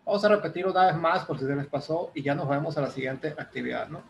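A male teacher with a gravelly, fairly high voice explains the exercise patiently. He often repeats himself and adds quick tag questions. The recording is dull and lo-fi. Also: slight background noise. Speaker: English teacher.

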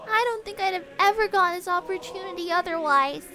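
A man voicing a soft-spoken young woman who adores warships, hushed and tender. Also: extremely high pitch, fast, voice pushed up. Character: breathless ship-loving young woman, Pippa.

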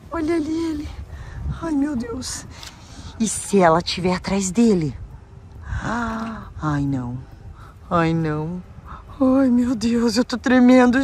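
Excitable high-voiced Brazilian woman vlogger. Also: slight background noise. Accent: Brazilian Portuguese. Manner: excitable, exclaims a lot, talks straight to viewers. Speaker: family vlogger. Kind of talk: scripted adventure vlog.

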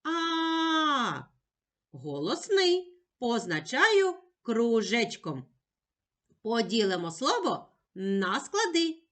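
A woman teacher giving a slow, carefully spoken lesson to a child, gently addressing the child and sounding out words and letters one by one. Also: fairly high pitch, big pitch swings.

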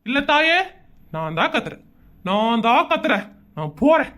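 A woman's voice: moderate pace, a bit bright. A woman voicing a grumbling middle-aged husband in a cartoon, scolding. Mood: placating. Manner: gruff, scolding, mutters in a low put-on voice.

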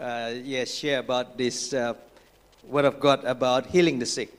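A man preaching a sermon in halting English, pausing line by line for an interpreter. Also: medium pitch, fairly even intonation, smooth, long reverb tail. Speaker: pastor. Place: church hall.

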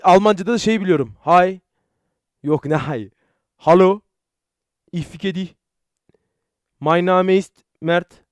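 A young man chatting casually on a live stream, telling stories excitedly, swearing often and greeting viewers. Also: on the high side, dry recording, studio quality. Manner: swears a lot, excitable storytelling.

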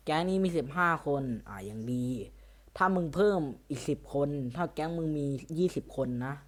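A man with a slightly high voice runs a gang interview for a roleplay server, speaking bluntly and crudely with a teasing edge. He talks casually into a headset over voice chat. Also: lively intonation, moderate pace.

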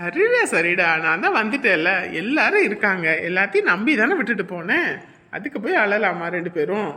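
Actor as an easygoing young brother, calm and reassuring. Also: male voice, high-pitched, a little fast, exaggerated voice. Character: young brother, cheerful hardworking laborer.

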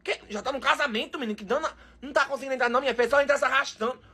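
A man with a Northeastern Brazilian accent giving comic reaction commentary on videos, full of quick exclamations and mock outrage. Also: very high-pitched, fairly even intonation, pushed and bright, slightly rough.

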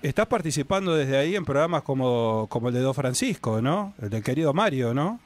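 A man with a Uruguayan Spanish accent hosting a radio interview, prompting his guest in a friendly way and often checking facts with a quick "¿no?". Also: medium pitch, expressive. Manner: friendly, prompting questions with tag questions. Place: radio studio indoors. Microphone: studio desk microphone.

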